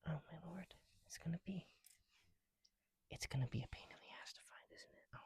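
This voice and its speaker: Here the young man's pitch is fairly high and his pace brisk, though he still uses a soft, breathy ASMR delivery that often drops to a whisper. Slightly breathless behind a heavy mask, he rambles self-deprecatingly while building bricks at home for his ASMR video.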